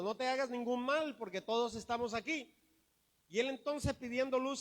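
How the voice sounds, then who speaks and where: A man's voice: sits high, in a large hall. A man preaching a sermon with emphasis, asking the congregation rhetorical questions.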